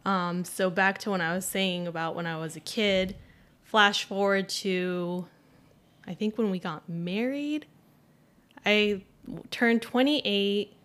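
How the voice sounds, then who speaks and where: A woman's voice: mid-range voice, slow, a bit bright. A woman in her thirties co-hosting a casual chat, easygoing and laughing often, sometimes drifting away from the mic. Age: 30s. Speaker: podcast co-host.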